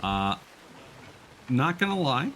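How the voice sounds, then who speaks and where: A man streams a video game on a close mic, giving casual, slangy live commentary and chuckling through his remarks. His medium-pitched, fairly bright voice is sing-song and slow, with a little hiss or hum in the background.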